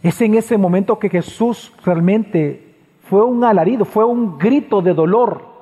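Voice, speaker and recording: Male pastor, high voice, sermon in a church hall with long reverb; repeats lines for emphasis, loud-to-hushed swings. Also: unhurried, breathy edge. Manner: preaching with sharp swings between loud high passages and low hushed ones.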